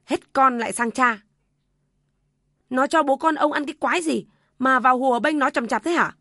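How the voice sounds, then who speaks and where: Brief: a woman playing a spiteful elderly mother-in-law, high shrill scolding, dry close read. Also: a little slow, bright, forceful tone, no echo, exaggerated voice. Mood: shrieking.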